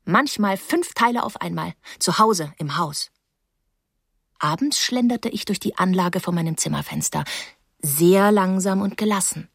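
A woman narrating a first-person novel as an audiobook, calm and wry. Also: lowish voice, unhurried, gravelly, breathy edge, dry recording, clean studio sound.

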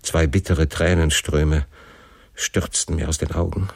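Deep-voiced male audiobook narrator, first-person classic novel, expressive but measured, dry close sound. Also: creaky, no room sound. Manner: expressive, measured dramatic reading.

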